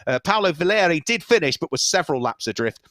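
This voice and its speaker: A man's voice: a little high, fast talker, no echo. Man doing race commentary, dry sound. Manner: steady, informative play-by-play. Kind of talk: live motorsport commentary.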